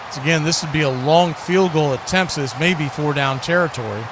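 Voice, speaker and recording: A male play-by-play announcer calls a live football game snap by snap in a high-pitched voice, speaking fairly quickly. Clear background noise sits behind his commentary.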